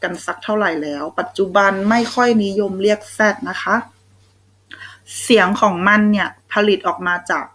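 A woman's voice: medium pitch, fairly even intonation, normal speed, a bit bright, poor audio. A young Thai woman teaching children English phonics, sounding out letters one at a time and praising them. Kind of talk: slow, patient phonics lesson for kids.

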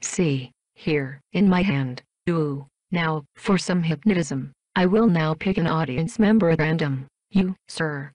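Glitchy robot magician from a game, robotic voice, pompous showman patter, slightly low. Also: a little slow, hardly any pauses, no room sound, highs cut off. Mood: theatrical. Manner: grand showman announcing, with error glitches. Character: showy robot stage magician, theatrical and glitchy. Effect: robotic synthetic voice. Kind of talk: video game voice clip.

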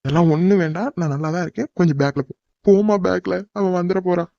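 Tamil-accented man for a cartoon dub, fast and exasperated, dark mellow tone, dull lo-fi dry recording. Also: sits high, creaky, no room sound. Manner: exasperated and pleading. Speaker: voice actor in a cartoon. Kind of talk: animated cartoon dub acting.

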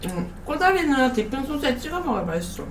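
A woman chats to her viewers while chewing a mouthful of food. Her voice sits a bit high and swings lively up and down. She sounds set back from the microphone, with room echo and a faint hum of ambience behind. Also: quick pace, recorded from a distance. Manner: chatty, addresses viewers directly. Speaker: mukbang host. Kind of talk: casual eating vlog chat.

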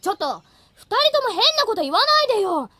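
An actress voicing a bossy teenage girl in a school newspaper club, sharp and theatrical, quick to flare up, in an anime drama CD. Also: very high-pitched, big pitch swings, no echo, full character voice. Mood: indignant. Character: bossy teen girl newspaper club member, touchy about her forehead.

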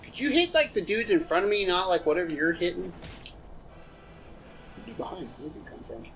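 A man's voice: sits high, animated, moderate pace, creaky, background noise. A young man playing a video game and commenting casually, swearing at frustrating moments. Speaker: gamer playing. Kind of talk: casual let's-play commentary. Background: game music.

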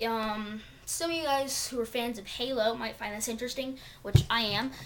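A woman's voice: on the high side, normal speed, background noise. Chatty young woman vlogging at home. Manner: chatty, rambling with many fillers. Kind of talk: casual vlog chat. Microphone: camera mic.

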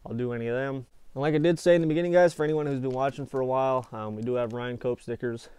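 A man's voice: medium pitch, steady tone, fast, warm tone, clean tone, dry recording. An American man in his twenties reviewing products in a casual, laid-back, plain-spoken chat, talking with a lip full of dip. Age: 20s. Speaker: product reviewer, video channel host. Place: small indoor space with foil-insulated walls.

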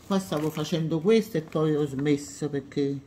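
A woman's voice: low voice, moderate pace, dark tone. An old woman in her seventies with a southern Italian accent from Campania, casually reminiscing in short phrases punctuated with little check-in tags. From Salerno, southern Italy. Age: 70s. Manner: short, fragmented phrases with frequent "eh" and "see?" tags. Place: home kitchen, indoors. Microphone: phone held nearby. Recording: noisy phone recording in kitchen.

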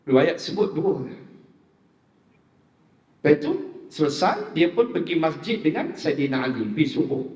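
A man with a northern Malaysian accent, preaching a sermon as a lively storyteller who jokes with his audience. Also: fairly high pitch, measured pace, pauses often. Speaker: religious preacher. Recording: reverberant hall.

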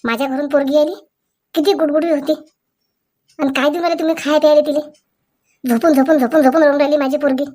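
A woman's voice: sits high, steady tone, fast talker, pauses often, mellow, natural voice. A woman with a Vidarbha Marathi accent playing an indignant, protective mother of a bride in a comedy skit, making accusations. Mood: accusing. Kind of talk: comic family skit acting.

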